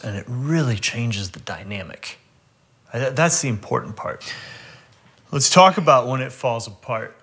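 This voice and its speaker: A man's voice: mid-range voice, fairly bright tone. A man who runs a small business, telling heartfelt personal stories to his team in an earnest, reflective, candid way. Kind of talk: heartfelt personal storytelling talk.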